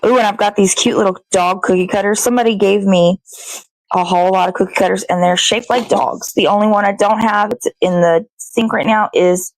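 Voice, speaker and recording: Cooking indoors in her home kitchen, an American woman who hosts a morning show narrates in a brisk, steady, medium-pitched voice. She rambles informally and swears freely. There's no echo, but the recording quality is low.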